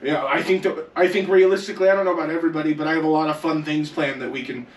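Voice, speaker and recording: The young co-host of a laid-back gaming podcast races along in a slightly high, steady voice, cheerfully driving the chat with questions. A far-off mic picks up room echo and a little noise.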